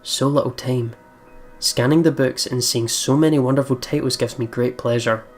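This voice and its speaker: A male let's player reads a visual novel out loud and comments on it in a chatty, playful way, frequently repeating words. His mid-range voice moves at normal speed with fairly even intonation, and game music plays in the background.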